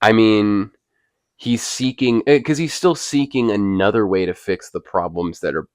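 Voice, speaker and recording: Man, deep voice, co-host of a relaxed film chat; earnest and analytical, with long explanations. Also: normal speed, smooth, no echo, studio quality. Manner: defends his view with analysis. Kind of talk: casual movie discussion.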